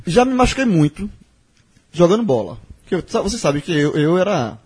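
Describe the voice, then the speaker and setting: Male, high and husky; rapid, excitable interjections, lively pitch. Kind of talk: casual podcast banter.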